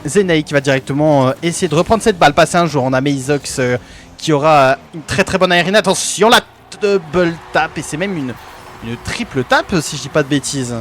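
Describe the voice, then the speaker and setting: A man's voice: a little high, fairly quick, a bit bright, a little hiss or hum. Hesitant amateur esports caster, man. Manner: hesitant, many fillers, self-corrections. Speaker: esports caster for his team. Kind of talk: amateur play-by-play commentary.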